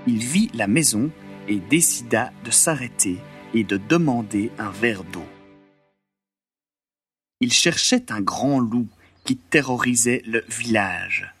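A man narrating a storybook in an expressive, dramatic way with a slightly husky voice. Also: medium pitch, slow, soft background music. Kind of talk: storybook reading.

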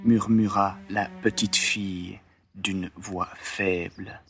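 A man narrating a storybook in an expressive, dramatic way with a slightly husky voice. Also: deep voice, slow, faint music behind. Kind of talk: storybook reading.

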